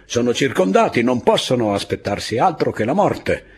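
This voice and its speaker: A man playing an exalted, fanatical army captain who shouts at his soldiers in an audiobook reading. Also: mid-range voice, sing-song, moderate pace, pitched above the performer's own voice, lightly acted. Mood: tense, commanding.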